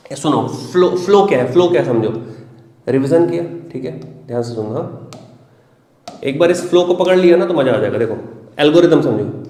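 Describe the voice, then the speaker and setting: A man teaching a live exam-prep class, answering student questions in a lively, teasing way that swings from loud bursts to quiet asides. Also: on the high side. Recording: echoey room with long reverb.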